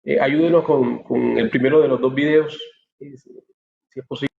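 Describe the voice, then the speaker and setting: A man's voice: medium pitch, steady tone, moderate pace, gravelly. Colombian man, forum moderator, polite, hesitant, dull lo-fi sound. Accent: Colombian Spanish. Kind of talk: hosting a live online forum. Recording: echoey room, dull lo-fi sound.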